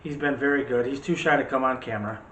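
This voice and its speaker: Talking fast in a mid-range, fairly bright voice, this middle-aged man co-hosts a movie review channel with rambling, casual, teasing banter. The home-room recording has a roomy echo and some faint background noise.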